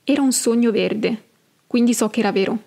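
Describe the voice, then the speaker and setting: A woman's voice: fairly high pitch, brisk, vocal fry, mellow. A woman voicing a serious young boy who has visionary dreams and speaks in an earnest, matter-of-fact way.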